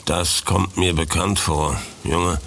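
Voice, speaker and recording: An actor playing a reclusive old retired lieutenant, curt and commanding at first, then fatherly, with a gravelly, husky voice in a radio play. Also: low voice, fairly even intonation, takes it slowly, fairly bright tone, exaggerated voice. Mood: solemn. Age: older. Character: reclusive old ex-lieutenant, gruff, guarded man.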